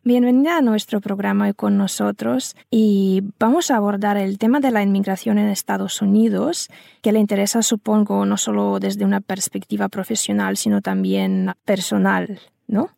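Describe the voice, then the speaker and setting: A woman hosting a radio interview, formal and measured as she introduces her guest. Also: medium pitch, fairly even intonation, vocal fry, mellow, no room sound, studio quality. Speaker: radio host.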